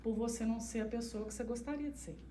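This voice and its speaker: Soft-spoken woman in an echoey hall. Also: on the high side, fast talker, a little hiss or hum. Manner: soft, even-toned, speaks of her monotone voice. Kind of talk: informal talk to a church group. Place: church hall. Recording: echoey room, far from the mic.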